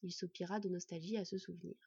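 Breathy woman reading a fantasy story. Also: fairly low pitch, little pitch movement, quick pace, mellow, no echo, muffled recording. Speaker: narrator. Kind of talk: audiobook narration.

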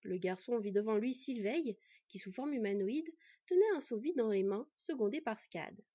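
Husky woman narrating a fantasy story. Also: a little high, moderate pace, dry recording. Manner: steady storytelling read. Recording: dull lo-fi, dry.

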